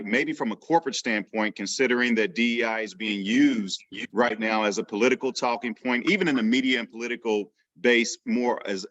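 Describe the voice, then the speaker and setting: Low-voiced man on dull, dry call audio. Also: fairly bright tone, no echo. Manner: tentative, rambling question. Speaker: attendee asking a question.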